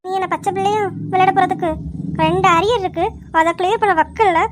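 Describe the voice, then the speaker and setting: A woman's voice: very high-pitched, fairly even intonation, a little fast, noisy background. A woman playing a bossy, fiery young woman who scolds her younger cousin in a comedy sketch. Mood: scolding.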